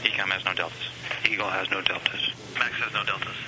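A male flight controller reports status tersely and quickly in a lowish voice. The radio loop around him is plainly noisy. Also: fairly even intonation.

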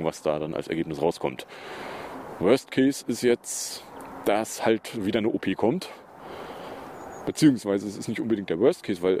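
A man's voice: deep voice, a little mellow, slight background noise. A man hosting a casual personal podcast, talking in a chatty, rambling way with many fillers and self-corrections. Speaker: podcast host.

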